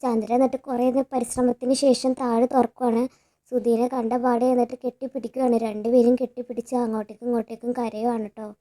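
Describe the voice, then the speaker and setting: A woman's voice: fairly high pitch, flat delivery, fast, warm tone. A woman in casual, chatty narration, retelling a TV serial episode scene by scene. She keeps adding a tag word to her sentences and often restarts a word mid-sentence. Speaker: serial recap host.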